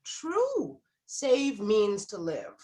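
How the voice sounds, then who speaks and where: A woman's voice: mid-range voice, wildly swooping pitch, drawn-out words, dark tone, full character voice. A woman playing a flippant, witty, scheming noble in a Shakespearean drama, tossing out mocking quips. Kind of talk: Shakespearean stage drama performance.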